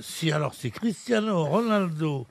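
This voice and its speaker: A man's voice: a little high, animated, unhurried, vocal fry. A man trading crude, mocking wisecracks and telling jokes as a panelist on a radio game show. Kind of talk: joke-telling banter. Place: radio studio with live audience.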